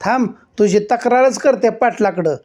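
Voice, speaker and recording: A furious village woman farmer, as a male storyteller puts her on, yells and hurls scolding insults in a high voice. Her tone stays mellow rather than bright, and she sounds loud and relentless. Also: normal speed, natural voice.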